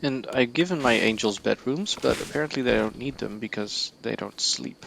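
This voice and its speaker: Speaking at a normal pace in a medium-pitched, gravelly, somewhat bright voice, a man gives laid-back let's-play commentary on a live stream, with slight background noise. He thinks aloud, wanders, stumbles over words now and then, and yawns drowsily.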